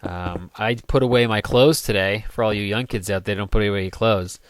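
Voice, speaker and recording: A man's voice: lowish voice, fairly even intonation, brisk, slight background noise. Joking man rambling over gameplay. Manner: jokey, rambling, sings goofy snippets. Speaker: gaming let's play host. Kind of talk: casual gameplay commentary.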